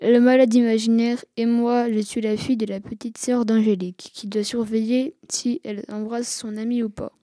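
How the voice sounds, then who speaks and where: A woman narrating a first-person storybook in a steady reading voice. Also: fairly high pitch, moderate pace, hardly any pauses, dry recording, studio quality.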